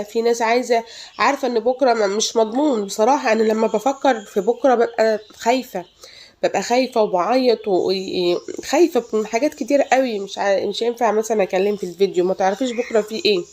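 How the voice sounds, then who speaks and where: A woman's voice: on the high side, fast talker, a little mellow. A young woman with an Egyptian Arabic accent talking casually to viewers about saving money at home, chatty and earnest, repeating herself for emphasis. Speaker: household budgeting vlogger. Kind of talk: casual advice talk to viewers.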